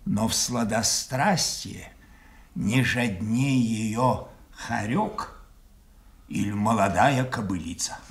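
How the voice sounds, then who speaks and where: An actor playing a mad old king, imperious and bitterly rambling, with deliberate, mocking declamation in a classical radio tragedy. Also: on the low side. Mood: mad scorn. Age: older. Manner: declamatory, deliberate, shifting between mockery and command.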